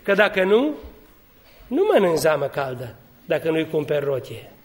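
A man preaching a sermon, telling humorous stories and building to fervent exhortation. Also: on the high side. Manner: lively, humorous storytelling that rises to fervent exhortation.

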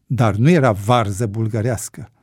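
A man reading a story aloud with expressive narration. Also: on the low side, husky, no echo, studio quality. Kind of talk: audiobook narration.

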